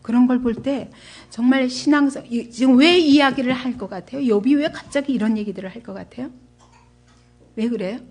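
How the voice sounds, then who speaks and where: Woman pastor, high voice, church sermon, asks the congregation questions. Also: brisk, darkish tone.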